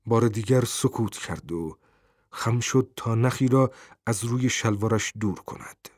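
A man narrating an audiobook in a measured, even storytelling way. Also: mid-range voice, no echo, clean studio sound.

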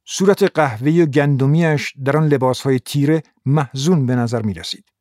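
A man narrates a first-person noir novel at an even, measured pace. His voice sits in the middle range for a man. The recording is dry and close. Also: mid-range voice, no room sound. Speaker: audiobook narrator. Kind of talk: scripted audiobook narration.

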